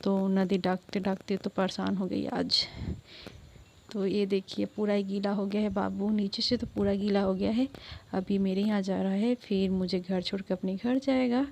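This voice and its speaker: A woman's voice: mid-range voice, flat delivery, moderate pace, creaky, darkish tone, a little hiss or hum. A young woman chatting in a homely, casual way as she vlogs outdoors while crossing a river, often restarting her sentences. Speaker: vlogger. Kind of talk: casual vlog narration.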